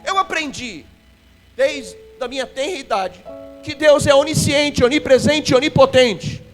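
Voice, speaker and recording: A man preaching an impassioned Pentecostal sermon at a church service, swinging from hushed tones to shouted sing-song. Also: very high voice, a little slow. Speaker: evangelist preacher. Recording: music playing under the voice. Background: instrumental music.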